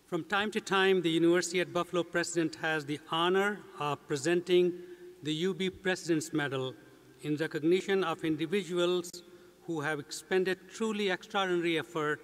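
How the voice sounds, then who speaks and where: An older man delivers a measured, scripted speech from a podium mic on a large stage. His voice sits slightly high. The long reverb of a big hall trails behind every phrase. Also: steady tone, a bit bright. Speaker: university president. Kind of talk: formal ceremony speech. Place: large indoor commencement stage.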